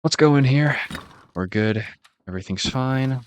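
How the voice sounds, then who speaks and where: A man with a Boston accent giving relaxed, casual commentary as he plays a game, musing aloud and chuckling at himself. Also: mid-range voice, measured pace, a little hiss or hum. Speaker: gaming channel host.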